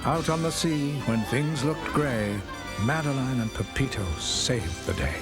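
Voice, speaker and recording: A man narrating a children's cartoon in gentle, sing-song rhymes. His voice sits in an even middle register. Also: medium pitch, measured pace, loud music behind the voice. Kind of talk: rhyming storybook narration.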